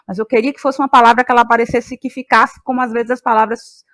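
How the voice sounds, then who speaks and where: A woman from Bahia, Brazil, a playwright and actress, speaks as an interview guest about her creative process. Her voice is a little high and fairly bright, with flat delivery and a quick pace, and she searches for words and repeats them as her ideas take shape.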